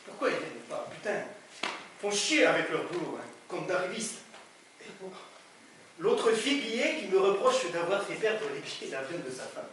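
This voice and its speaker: A man's voice: high voice, very animated, normal speed, a bit bright. Man acting indignant stammering grieving son, southern French accent, distant stage mic, noisy hall. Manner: stammers and flares up in indignant bursts. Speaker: stage actor. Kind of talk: live stage play. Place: theatre stage. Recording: echoey theatre, distant mic, audience noise.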